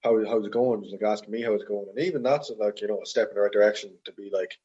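An Irish man in his twenties chats casually and ramblingly about personal things as a podcast guest, talking fast in a low-leaning, mellow voice with a breathy edge. The audio is slightly dull and lo-fi.

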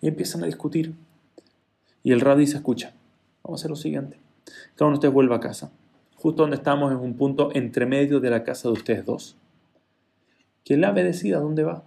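A man telling a parable as a sermon, acting out each character with lively swings in pitch and loudness. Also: brisk, creaky, long pauses. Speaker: rabbi or teacher telling a parable. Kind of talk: animated parable storytelling.

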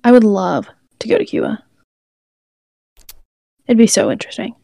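A woman's voice: medium pitch, very animated, normal speed, creaky, mellow, no echo. A young woman co-hosting a casual podcast chat, blunt and offhand, swearing freely. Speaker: podcast co-host.

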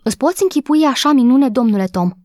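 A woman doing an excitable, gossipy young maid. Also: high-pitched, dry recording, clean studio sound, pitched above the performer's own voice. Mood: excited. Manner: breathless, excited, indignant. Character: excitable young housemaid, gossipy and quick-tempered. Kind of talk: audiobook character voice.

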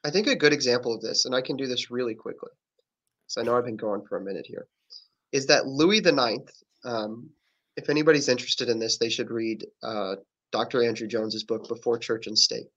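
A man's voice: medium pitch, fairly quick, a bit bright, muffled recording. A man explaining political ideas in a casual podcast discussion, earnest and often correcting his own wording. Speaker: podcast guest.

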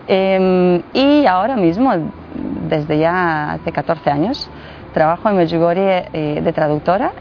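A woman in her forties from Bosnia and Herzegovina, speaking a second language, talks in a fairly low voice, slowly and with many hesitations. The recording is dull and muffled, with a faint noise underneath. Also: animated. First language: Croatian. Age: 40s. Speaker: guest, translator and guide. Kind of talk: interview.

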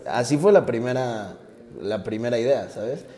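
A man's voice: medium pitch, expressive, normal speed, mellow. A young man from Tabasco with a Mexican accent, a rapper telling his story in a casual interview in an earnest, reflective way. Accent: Mexican Spanish. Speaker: guest, rapper.

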